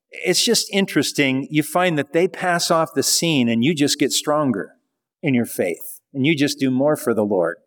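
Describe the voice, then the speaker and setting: A man's voice: medium pitch, long reverb tail. A male pastor preaching a sermon in a conversational style, with rhetorical questions.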